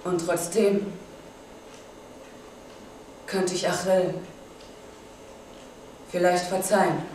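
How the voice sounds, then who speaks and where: An actress performing a stage monologue as a proud, grieving widowed queen and mother, measured and deliberate. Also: lowish voice, distant mic, a little hiss or hum. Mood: resolute. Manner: measured, bursting into bitter outrage, then tender. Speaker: acting student. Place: stage or studio hall. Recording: very echoey stage from afar.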